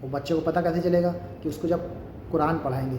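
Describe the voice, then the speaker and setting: A man's voice: on the high side, steady tone, a little mellow, roomy sound, a little hiss or hum. A man hosting a reaction video, earnestly summing up the lesson and speaking to viewers as friends. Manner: earnest, repeats himself, addresses viewers as friends. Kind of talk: casual commentary.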